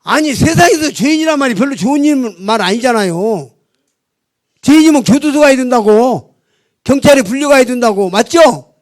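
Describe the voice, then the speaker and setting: An animated man delivering a revival sermon in a church hall. His voice sits high, and he shifts between loud emphasis and quiet asides, acting out short exchanges between people as he preaches. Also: normal speed.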